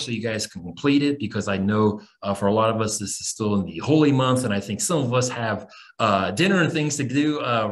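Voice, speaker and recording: Informal American man hosting a webinar. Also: fairly low pitch. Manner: informal, addresses listeners as guys. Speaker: webinar host and English teacher trainer. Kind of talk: casual, encouraging webinar hosting. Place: small room on a video call.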